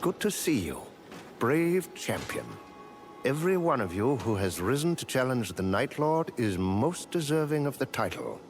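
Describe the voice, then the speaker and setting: In this video game dialogue, a male actor with a medium-pitched voice plays a genteel, devoted manservant in a fantasy game. His phrasing is formal, courtly and theatrical.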